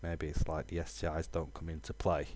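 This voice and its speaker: A man streaming a game, talking casually in a rambling, halting way with lots of fillers. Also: very deep voice, monotone, darkish tone, slight background noise. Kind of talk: casual live-stream chat.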